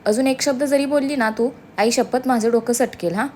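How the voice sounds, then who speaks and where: A woman's voice: fairly high pitch, normal speed, darkish tone, slight background noise, natural voice. A woman voicing a bossy teasing young husband.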